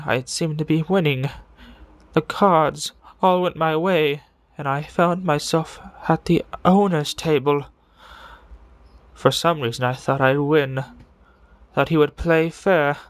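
Man voicing Victor Zsasz, slow deranged killer. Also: fairly high pitch, no room sound. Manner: theatrical, brooding, dramatic pauses. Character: deranged male serial killer confessing with morbid relish. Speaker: amateur voice impressionist. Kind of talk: dramatic villain monologue.

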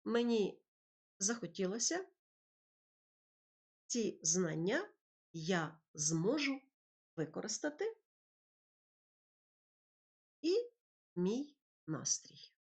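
A woman's voice: medium pitch, big pitch swings, darkish tone. Woman teacher explaining verse meter. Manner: slow, clear, explanatory delivery with recited verse. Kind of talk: scripted lesson narration over slides.

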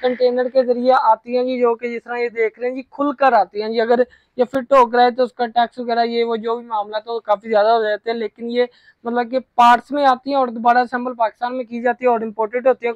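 Young man, vlog host, very high pitch, upbeat presenter, outdoor yard, dry lapel mic. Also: no echo, lo-fi sound. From Pakistan. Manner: brisk, upbeat presenter, peppers lines with "ji". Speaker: vlogger host. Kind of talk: walking market tour vlog. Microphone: clip-on lapel mic.

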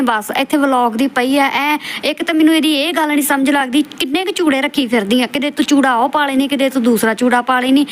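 A woman hosting a roast, scolding and insulting the subject of a clip in a lecturing, scornful way. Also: high-pitched. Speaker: roast channel host. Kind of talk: scolding roast commentary over clips.

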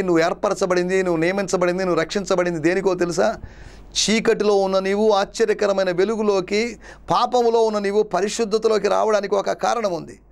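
A man's voice: sits high, gravelly. A man preaching a sermon as a pastor, with dramatic repetition and rhetorical questions. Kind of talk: Telugu sermon.

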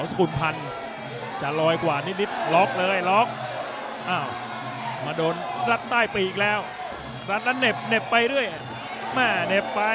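Excitable guy doing live fight commentary, high voice, crowd and music going behind him. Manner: excitable, exclamatory, repeats phrases. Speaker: Muay Thai commentator. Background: ringside crowd and fight music.

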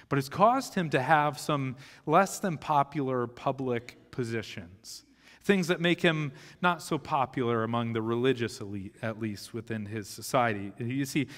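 A man's voice: medium pitch, a bit bright. A man in his thirties, a pastor, giving a conversational teaching sermon on a church stage with a live audience. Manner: conversational teaching with occasional restarts, gesturing on stage. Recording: long hall reverb of a church sanctuary.

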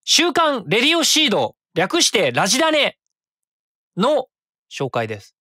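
A man in his thirties speaks in a very high voice while hosting a solo web radio show. He rambles casually, corrects himself mid-stream, and keeps things quick and animated. The recording is clean studio sound without echo.

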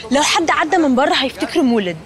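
Spoiled young upper-class Egyptian comedy schemer, brisk, affected, English phrases, over crowd noise. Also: female voice, high voice, lively intonation. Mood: disdainful, scheming. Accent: Egyptian Arabic, affected upper-class with English phrases. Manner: disdainful, dramatic. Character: spoiled, scheming, snobbish rich young daughter. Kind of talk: TV comedy acting.

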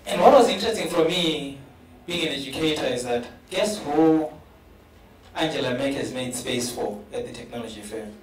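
A professor on a conference panel speaks earnestly in a South African English accent, often repeating words as he builds a point. His voice is on the high side, animated, at normal speed. Recorded through a handheld mic from a distance in a roomy hall, with a little hiss or hum.

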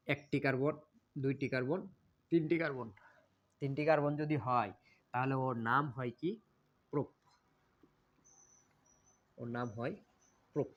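Male chemistry tutor, slightly high voice, repetitive question-and-answer delivery. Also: muffled recording. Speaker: chemistry teacher. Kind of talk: classroom lecture.

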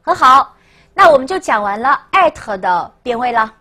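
A woman teaching a language lesson, coaxing and repeating words slowly for students to echo. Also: sits high, big pitch swings, bright, forceful tone. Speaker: French teacher.

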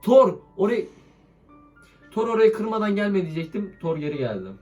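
Young male gaming YouTuber with a sick, strained, high voice. Excitable and playfully cursing, with light music underneath. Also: normal speed, highs cut off. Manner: excitable, swears playfully at the game. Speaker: mobile game YouTuber. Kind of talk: casual gameplay commentary.

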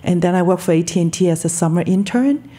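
A woman's voice: on the low side, lively intonation, fast talker, warm tone, breathy edge. A woman in her fifties from Hong Kong, a guest in a podcast studio, talking earnestly and with enthusiasm into a studio mic. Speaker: guest, telecom marketing director. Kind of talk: interview conversation. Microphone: studio mic on boom arm.

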